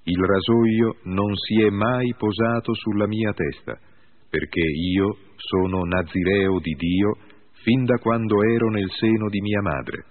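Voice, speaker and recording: A man reading the lines of a mighty biblical strongman, slow and measured, with a husky voice. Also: on the low side, fairly even intonation. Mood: solemn. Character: mighty long-haired strongman Samson. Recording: tinny phone-like audio.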